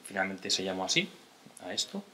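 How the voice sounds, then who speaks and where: A man's voice: sits low, very animated, brisk, sharp tone, slight background noise. A man, lecturing from a table in a lecture hall, hesitant, with restarts and tag questions. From Spain. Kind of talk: lecture to an audience. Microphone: table mic on a stand.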